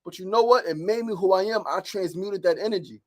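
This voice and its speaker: High-voiced emphatic New man. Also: brisk, a little mellow. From South Jamaica, Queens, New York. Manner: emphatic and preachy, repeats rhetorical questions. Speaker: show host. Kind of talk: motivational livestream talk, reading viewer comments.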